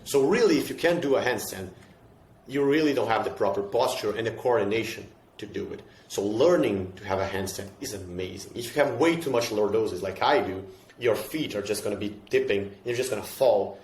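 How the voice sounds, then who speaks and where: A man's voice: on the low side, lively intonation, brisk, a little mellow, roomy sound. A man with a Brazilian accent explaining fitness ideas casually and emphatically, often repeating himself and asking rhetorical questions.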